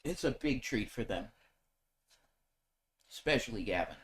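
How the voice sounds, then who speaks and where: A man's voice: on the low side, animated, a little slow, a bit bright. A man co-hosting a stream, speaking emphatically and giving firm opinions in casual chat.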